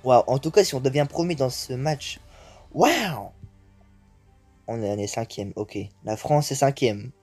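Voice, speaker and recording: Excitable young man narrating his gameplay. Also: medium pitch, unhurried, faint music behind. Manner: excitable, swears often, mixes English exclamations into French. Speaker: gaming YouTuber. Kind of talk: live gameplay commentary.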